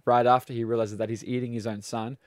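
Excitable man, dry close sound. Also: medium pitch, fast, no echo. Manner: excitable, acts out quotes, laughs often. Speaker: podcast co-host. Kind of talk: casual chat.

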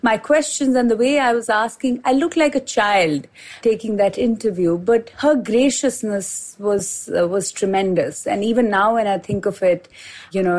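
A middle-aged woman from India, a journalist hosting a podcast, recounting a personal story with lively quoted dialogue. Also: mid-range voice. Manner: animated retelling with quoted dialogue.

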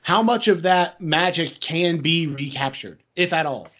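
The audio is a little dull and lo-fi. A man with a fairly high voice works as a sports interviewer, laying out long, wordy lead-ins before he gets to the question. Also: measured pace, a bit bright. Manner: wordy, circling build-up to questions. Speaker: podcast interviewer.

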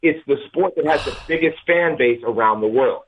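A man's voice: medium pitch, normal speed, crowd noise. Radio caller on speakerphone, a rambling man from Atlanta with a mid-range voice and a thin phone-line sound. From Atlanta, USA. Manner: rambling, restarts sentences often. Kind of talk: call-in sports talk. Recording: tinny speakerphone call line.

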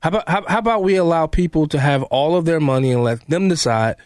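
A man with a fairly high voice hosts live talk radio. He banters and debates conversationally, recorded close and dry in a studio. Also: quick pace, a little mellow, dry recording. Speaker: radio talk show host.

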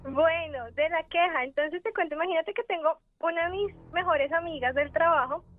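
Female caller, Bogotá Colombian accent, friendly, laughs easily, high voice on a tinny phone line. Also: normal speed, faint music behind. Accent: Bogotá Colombian Spanish. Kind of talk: phone-in chat.

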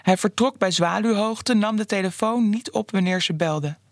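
A narrator reading the lines of a gentle older woman who speaks softly. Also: mid-range voice, normal speed, no room sound, studio quality, close to an everyday voice. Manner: spoken softly, read plainly. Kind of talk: storybook reading.

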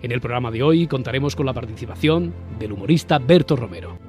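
Over a faint music bed, a man hosts a discussion podcast in a Castilian Spanish accent, reading scripted material in an articulate radio-presenter manner. His voice is mid-range and he speaks quickly.

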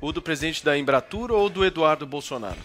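A male host with a somewhat high voice runs a morning talk show briskly, steering the panel and reading news items aloud in an even, deliberate way. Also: faint music behind. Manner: brisk, moves the talk along, reads quotes steadily.

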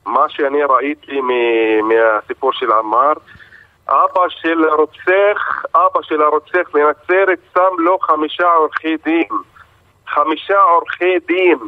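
A man calling in by phone as a bereaved father, speaking in halting, repetitive bursts that turn angry. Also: a little high, fairly even intonation. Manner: halting, repeats words, emotional and angry. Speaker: bereaved father, radio guest. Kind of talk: phone-in radio interview. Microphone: telephone. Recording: tinny phone line.

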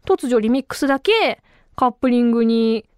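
A woman hosting a casual solo podcast, her high voice swinging up and down as she chats. She talks in an animated way and her voice is a bit tired from a long day of talking. The sound is close and dry, with no room around it. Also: moderate pace, clear, resonant tone, dry recording. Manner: chatty and animated, with frequent laughs. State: tired voice from talking too much. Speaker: radio and podcast host.

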